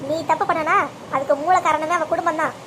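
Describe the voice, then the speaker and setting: Cartoon mother, furious and bitter, voiced by a woman; high, fast, demanding, noisy track. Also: steady tone, close to an everyday voice. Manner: bitter, accusing, issues demands. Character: furious betrayed mother, middle-aged woman.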